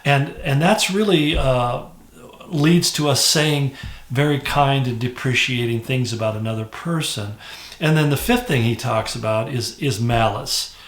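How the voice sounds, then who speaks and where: A man's voice: medium pitch, unhurried, fairly bright tone, echoey room. A man, a pastor, giving a conversational morning devotional, with fillers and restarts. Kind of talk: devotional teaching.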